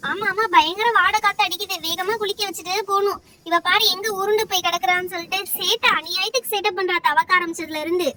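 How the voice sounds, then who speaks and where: A woman's voice: extremely high pitch, fairly even intonation, quick pace, a loud crowd. A woman with a Tamil accent narrating a doll play as a fussing, teasing mother who scolds the children.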